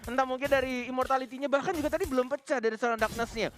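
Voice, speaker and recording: A man working as an esports caster, delivering excited play-by-play in long run-on calls. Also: very high voice, racing, faint music behind.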